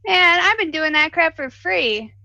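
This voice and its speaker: Woman playing a bright-voiced, brash, scrappy adventurer woman. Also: very high-pitched, animated, measured pace, vocal fry, no echo, lo-fi sound, voice pushed up, exaggerated voice. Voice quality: crackly. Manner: slangy, blunt, offhand.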